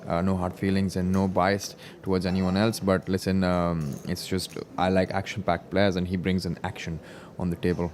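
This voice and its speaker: A man commentates live poker in a very low, fairly flat voice. He explains the play in a measured way, over clearly audible background noise. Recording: noisy live-event ambience.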